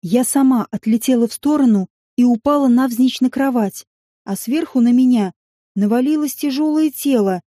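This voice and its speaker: Mellow-voiced woman reading a novel aloud. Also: high-pitched, moderate pace, dry recording, clean studio sound. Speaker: audiobook narrator. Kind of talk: first-person novel narration.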